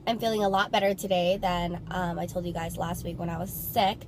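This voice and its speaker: A woman's voice: on the low side, flat delivery, brisk, slight background noise. A young woman vlogging in a casual, chatty way, filling her talk with "like", her voice a little nasal from a cold. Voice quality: slightly nasal from congestion. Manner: bubbly, chatty, lots of filler "like". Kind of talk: casual vlog chat.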